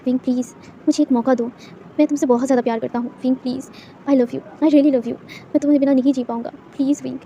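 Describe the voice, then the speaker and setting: Woman doing a heartbroken young boss guy, stammery and tearful, kinda high and fast, storybook style. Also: steady tone, warm tone, highs cut off, slight background noise. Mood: tearful begging. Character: heartbroken young male boss, lovesick and pleading.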